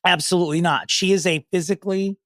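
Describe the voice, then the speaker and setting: A man's voice: high voice, steady tone, quick pace, a bit bright, no room sound, studio quality. A man co-hosting a pop culture podcast, talking in a campy, sardonic way and swearing freely. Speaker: podcast co-host. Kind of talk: casual pop culture chat.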